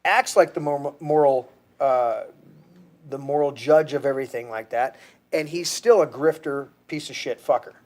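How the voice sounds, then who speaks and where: A man's voice: medium pitch, normal speed, a little mellow. A middle-aged man hosting a podcast, ranting heatedly and crudely with frequent restarts. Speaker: podcast host. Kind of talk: casual profane rant.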